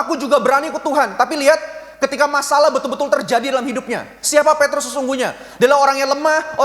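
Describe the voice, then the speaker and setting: Man in his thirties, pastor, lively conversational sermon, high voice, long church reverb. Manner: lively, conversational preaching with animated asides and laughter.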